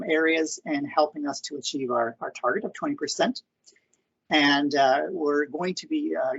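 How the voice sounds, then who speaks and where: A man presents over a muffled, lo-fi video call, his voice gravelly and husky. He talks in a hesitant way, full of ums and restarts. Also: on the high side. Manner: hesitant, many fillers and restarts. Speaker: government conservation presenter. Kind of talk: online information session presentation. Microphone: computer mic on video call.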